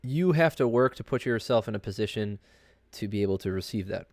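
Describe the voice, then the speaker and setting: A man's voice: lowish voice, lively intonation, a little fast, no echo. A man who sounds congested with a cold, hosting a podcast with casual, rambling solo sports commentary. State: under the weather, congested with a cold. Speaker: podcast host.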